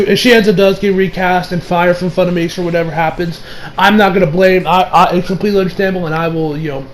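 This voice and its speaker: A man's voice: high voice, slight background noise, poor audio. A young man giving casual, rambling commentary, full of fillers and casual swearing. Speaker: online commentator.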